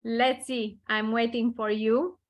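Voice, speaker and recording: A Romanian woman hosting an online presentation over a video call, welcoming people slowly and repeating her words. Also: a little high, level tone. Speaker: webinar host.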